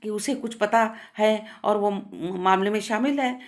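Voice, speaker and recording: Lady reading as a calm dad trying to talk sense, storybook reading, her usual voice. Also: mid-range voice, a little slow, close to an everyday voice. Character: patient middle-aged father narrating, calm man.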